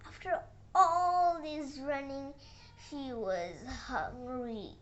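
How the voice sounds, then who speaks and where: A child storyteller narrates a moral fairy tale with halting, uneven phrasing, dramatically stressing the dialogue. The high, slightly bright voice swings widely in pitch, and the sound is lo-fi.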